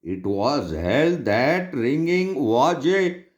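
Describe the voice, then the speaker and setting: A man teaching law, reading out and solving problems in a slow, deliberate lecture with long pauses. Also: medium pitch, animated, dull audio.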